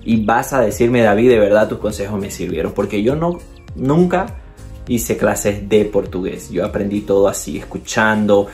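Soft music sits behind this Bolivian video host, whose voice is on the low side, animated, and darkish, at a moderate pace. He gives language tips in a Bolivian Spanish accent, chatting casually, encouraging viewers directly, and often saying "entonces."

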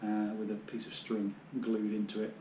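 A man's voice: lowish voice, completely flat delivery, normal speed, dark tone. British guy in his 30s chatting through his hiking kit, lots of ums, roomy echo and some background noise, camera sitting a way off on the floor. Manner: chatty, rambling, many fillers. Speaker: outdoor gear vlogger. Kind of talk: casual demonstration. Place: living room at home, kneeling on floor. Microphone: camera on the floor a few metres away.

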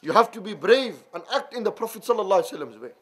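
A man's voice: high voice, animated, very fast, breathy edge. A man preaching a sermon as an imam, telling a story in an impassioned, exclaiming manner.

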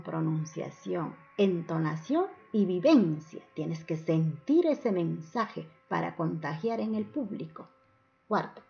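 A woman's voice: fairly low pitch, creaky, a little mellow. A woman narrating an instructional lesson as a teacher, enunciating didactically and stressing each point. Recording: dull lo-fi voice-over.

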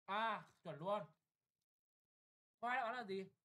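Young man, classroom exam tutor; brisk, blunt, keeps checking if students follow. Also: high-pitched, bright, forceful tone, rough recording. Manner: brisk and bossy, often checking "got it?". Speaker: English tutor.

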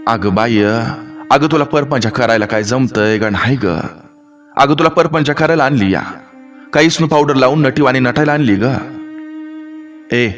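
A man voicing a quarrelsome old village mother-in-law who scolds loudly. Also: fairly low pitch, moderate pace, soft background music, close to an everyday voice. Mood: scolding.

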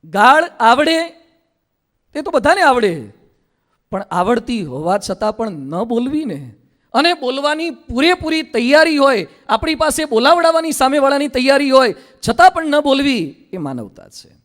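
A monk preaches a sermon in a notably high voice. He tells stories briskly and slips into mimicking ordinary people to make his points. He drops into a slower, chant-like delivery for scripture verses. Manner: lively storytelling with mimicry of everyday people.

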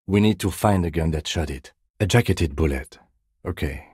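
A male actor speaks as a middle-aged video game cop who is composed, dry-witted and strictly by the book, keeping his delivery deadpan, precise and measured. The voice sits low with a breathy edge, and there's no room sound at all. He comes across as serious and measured.

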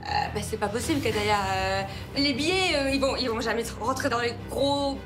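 Woman, high voice, reality contestant, casual to-camera account, loud music underneath. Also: normal speed. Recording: loud music over speech. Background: loud background music.

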